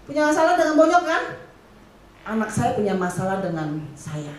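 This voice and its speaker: A middle-aged woman preaching a youth sermon, lively, firing questions at the crowd and playing a nagging mother. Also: fairly high pitch, normal speed, recorded from a distance. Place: church hall. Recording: echoey hall, heard from afar.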